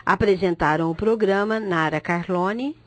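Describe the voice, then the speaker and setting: A woman hosting a radio program, reading the closing announcements in a measured way. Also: mid-range voice, no room sound.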